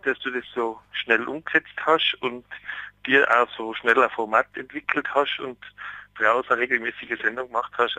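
A man's voice: medium pitch, pushed and bright, no echo. A man calling into a radio show over a telephone line, eager and searching for words with fillers as he asks his question. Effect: voice over a landline telephone line. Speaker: radio call-in caller. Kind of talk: casual call-in question.

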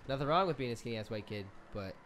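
A young man rambling through jokes as he races with his buddies, his pitch rising and falling a lot. He swears often, and there is faint room noise behind him. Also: lively intonation, fast, fairly bright tone. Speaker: co-player. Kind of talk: casual gameplay banter.

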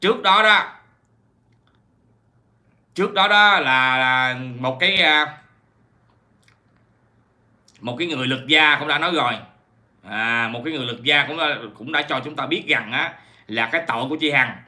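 A man's voice: on the high side, normal speed, pauses often, pushed and bright. A man giving a rambling commentary to his viewers, full of fillers, self-corrections and rhetorical questions. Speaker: YouTube commentator. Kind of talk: casual commentary monologue.

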